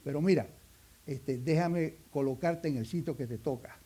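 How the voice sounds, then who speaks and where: A calm, welcoming male archangel at the gates of heaven with a Cuban accent, put on by a preacher mid-sermon. He speaks unhurriedly and reassuringly, his voice pitched a little lower than his everyday speech. It's told as a playful sermon skit. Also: normal speed, husky. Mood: soothing.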